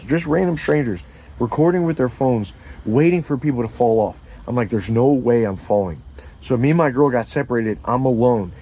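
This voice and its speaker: An average-pitched man spins a comedic story in casual banter. He is animated and profane, acting out each moment with silly sound effects. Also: breathy edge, low-quality recording.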